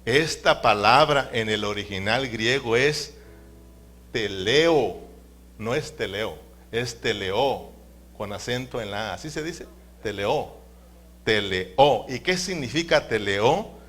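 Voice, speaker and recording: A man's voice: mid-range voice, measured pace, bright, forceful tone. A man preaching a sermon in a church, emphatic, calling his listeners brothers and asking them to repeat after him.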